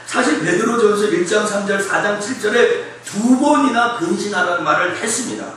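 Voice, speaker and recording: A man's voice: high voice, fairly quick, distant mic. A male pastor preaching a sermon with humor, telling personal stories and leading the congregation to repeat after him. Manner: lively, humorous storytelling with call-and-response to the congregation. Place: church sanctuary. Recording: echoey church hall, mic from afar, faint noise.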